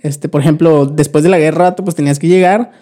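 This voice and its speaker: Young Mexican man, casual podcast talk, slangy, higher-set mellow tone. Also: fast talker. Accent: Mexican Spanish. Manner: relaxed slangy, frequent restarts and fillers. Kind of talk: casual chat.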